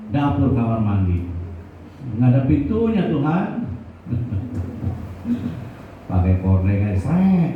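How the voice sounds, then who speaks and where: A slow-talking man preaches in a church, joking with his listeners and asking them questions. He is heard from a distance in a very echoey hall. The sound is thin and phone-like, with faint noise behind. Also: mid-range voice. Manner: jokey, conversational, asks the congregation questions. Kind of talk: sermon.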